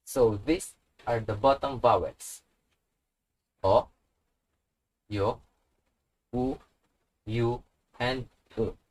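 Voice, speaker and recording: Male tutor, slow deliberate delivery, mid-pitched, patient and repetitive. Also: low-quality recording. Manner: patient, repeats each example word slowly. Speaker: language teacher.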